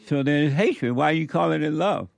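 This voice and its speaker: On a radio call-in debate show, a male host grills a caller with short, repeated questions in a blunt, challenging way. His voice is a little high, gravelly, and animated, at a moderate pace, with no room sound.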